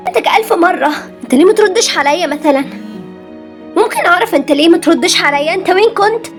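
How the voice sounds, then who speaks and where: Teen girl doing a high, emotional young bride-to-be. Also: expressive, fast, faint music behind. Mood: angry. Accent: Egyptian Arabic. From Tunisia. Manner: high-pitched, emotional, insistent. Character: young woman, anxious betrayed bride-to-be. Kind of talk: amateur animated-app drama voicing.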